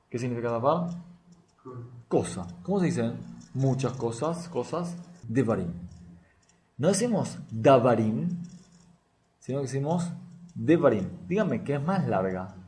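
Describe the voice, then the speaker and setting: A man's voice: medium pitch, a little mellow, slight background noise. A man teaching a lesson on a religious text. He reads passages aloud, then explains them and puts questions to his students.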